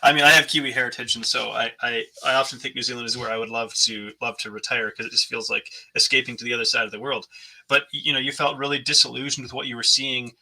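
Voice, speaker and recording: Quick and level, this male podcast host from North America has a mid-range voice with vocal fry, pushed and bright. He conducts a conversational interview thoughtfully, often restarting and using fillers. The recording is rough.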